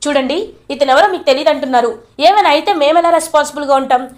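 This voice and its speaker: A woman voicing a stern hospital doctor who speaks firmly and briskly. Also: high voice, lightly acted.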